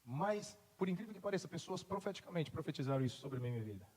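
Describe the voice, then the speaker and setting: A man's voice: fairly high pitch, lively intonation, quick pace, darkish tone, breathy edge. A man, a pastor preaching a sermon, moving from conversational storytelling to emphatic declarations. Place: church. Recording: long reverb in a church hall.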